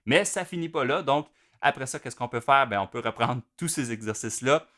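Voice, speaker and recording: Casting: male drum teacher, patient and methodical, bright, mid-pitched voice. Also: expressive, a little fast. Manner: patient, step-by-step explaining. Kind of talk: instructional video explanation.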